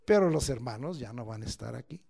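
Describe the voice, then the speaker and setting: A man preaching a church sermon, emphatic, swinging between loud declamation and low asides and drawing out key words. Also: expressive, fast talker, creaky, slightly rough. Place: church service.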